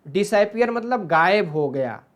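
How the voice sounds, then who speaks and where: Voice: medium pitch, lively intonation, unhurried. A teacher, patiently explaining a grammar lesson over slides and drilling verb forms aloud.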